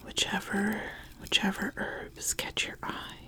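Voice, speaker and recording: Gently approving and deliberate, a woman whispers through an ASMR roleplay as an ambitious witch, giving soft instruction while she judges a would-be apprentice. She is an ASMR host.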